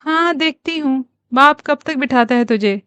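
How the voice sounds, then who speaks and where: A woman reading the part of a calm, blunt middle-aged mother who speaks cuttingly to her daughter. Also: high voice, no room sound, muffled recording.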